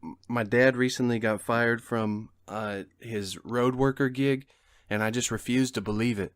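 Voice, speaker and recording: A man's voice: medium pitch, steady tone, unhurried, dry recording. A man co-hosting a podcast, telling dad jokes in casual chat and laughing at his own punchlines. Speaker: podcast co-host.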